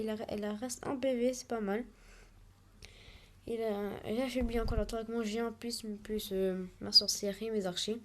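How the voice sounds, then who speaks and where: A woman, chatting through her own mobile gameplay live and narrating each move as she makes it. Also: a little high. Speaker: let's play gamer.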